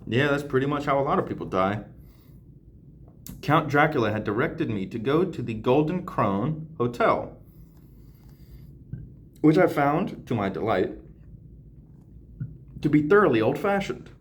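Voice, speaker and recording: A young man reads a classic novel aloud, stopping often for slangy jokes and laughter. His voice swings lively up and down around a middle pitch. It sounds casual and unpolished, like a home reading video. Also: measured pace, pauses often, slight background noise. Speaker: channel host.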